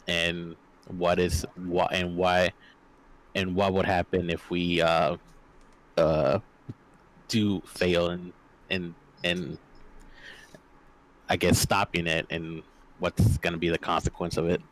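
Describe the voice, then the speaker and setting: A man playing a tabletop game, talking haltingly and searching for words. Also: deep voice, level tone, low-quality recording. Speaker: player.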